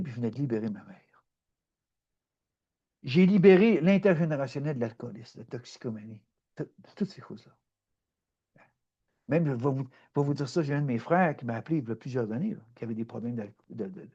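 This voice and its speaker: Animated Québécois man, lively pitch. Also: husky, lo-fi sound. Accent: Québécois French. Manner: animated, repetitive, swings between loud emphatic and soft. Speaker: spiritual speaker. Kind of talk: spontaneous spiritual talk.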